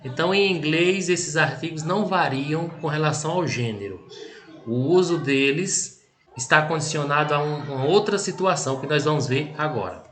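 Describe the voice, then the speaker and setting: A man with a Brazilian Portuguese accent teaching an English lesson. He explains patiently, checks in often and reads example sentences slowly before translating them. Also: a little high, expressive, fairly bright tone, a little hiss or hum. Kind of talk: recorded language lesson.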